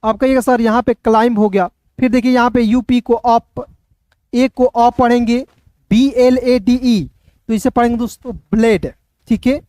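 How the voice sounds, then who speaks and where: A man's voice: very high-pitched, little pitch movement, moderate pace, darkish tone, dry recording. A man teaching English reading, who patiently spells words letter by letter and quizzes his listeners.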